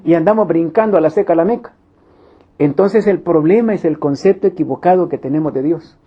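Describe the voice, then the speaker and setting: A man with a notably high voice leads a Bible study. He is emphatic, repeating key lines for weight and slipping into small acted scenes. The recording sounds dull and lo-fi. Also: a little fast, breathy edge. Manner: emphatic, repeats key phrases, acts out little quoted scenes. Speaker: preacher.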